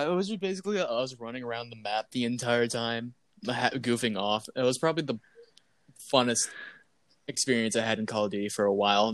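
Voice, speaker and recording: A man's voice: mid-range voice, a bit bright, no room sound. A young man co-hosting a casual podcast, rambling playfully and giggling. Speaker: podcast co-host. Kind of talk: casual chat.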